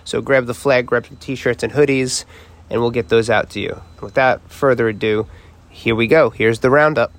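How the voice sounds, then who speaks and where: A man's voice: mid-range voice, fairly even intonation, moderate pace. A man with a cold and a nasal voice, hosting a podcast introduction in a loose, chatty way. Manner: loose, chatty, many uh fillers. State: has a cold. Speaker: podcast host.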